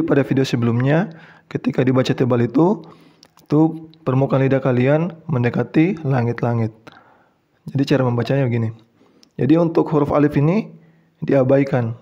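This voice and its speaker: A man teaching Quran reading step by step, with an Indonesian accent, who speaks patiently, repeats each example and chants the key words drawn out and louder. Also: mid-range voice, lo-fi sound. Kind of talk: slow step-by-step tutorial.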